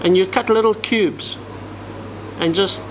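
Slowly and step by step, a fishing tackle instructor shows how to tie a knot, talking through each move while his hands work. He has a fairly high voice for a man, recorded indoors at a tackle shop with a clear air-conditioning hum.

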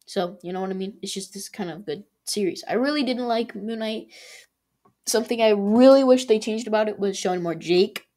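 Rambling excitable woman vlogger. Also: mid-range voice, a little fast. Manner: rambling and excitable, lots of fillers and restarts. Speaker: channel host ranking shows. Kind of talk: casual rambling review.

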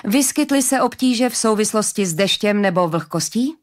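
A woman reading an audiobook, voicing a brash, blustering male scriver chief who curses loudly. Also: mid-range voice, lively intonation, lightly acted. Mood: chatty. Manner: loud, coarse cursing.

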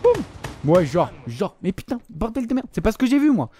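A man commentating his own shooter gameplay, excitable and swearing often, shouting at opponents. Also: high-pitched, brisk, husky. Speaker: gaming YouTuber.

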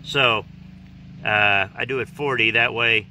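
A man's voice: mid-range voice, steady tone, takes it slowly, sharp tone, a little hiss or hum. A man in his forties talking plainly with lots of fillers, filming himself at arm's length in his car and outdoors in a driveway as he works on the car. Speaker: vlogger doing car maintenance. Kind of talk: casual how-to vlog. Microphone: handheld camera at arm's length.

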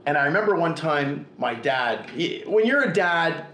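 In a living room with a leather couch, an artist in his forties, appearing as an interview guest, tells stories in casual, profane conversation and often acts out the voices he quotes. His voice runs on the high side, bright, forceful and expressive at a normal speed, and the room echoes.

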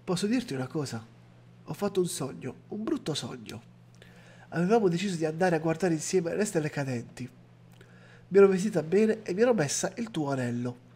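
A man's voice: fairly high pitch, animated, a little fast, warm tone, husky. A man reading aloud the lines of a tender, fearful young woman sorceress from a game, in a plain read-aloud delivery.

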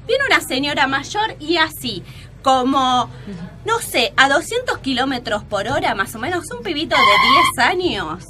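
Animated Argentine woman radio host. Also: high-pitched, unhurried. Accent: Rioplatense Spanish. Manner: animated, exasperated storytelling. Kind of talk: casual radio chat.

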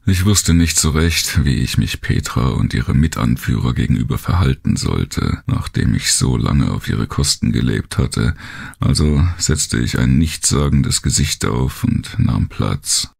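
A man reads a first-person thriller audiobook, his husky, gravelly delivery brooding and dramatic, every phrase deliberate. The tone rumbles low, expressive and somewhat dark.

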